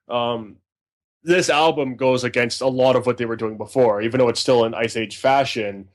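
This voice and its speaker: Rambling, enthusiastic male music reviewer. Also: medium pitch. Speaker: podcast co-host, music reviewer. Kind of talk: casual podcast chat.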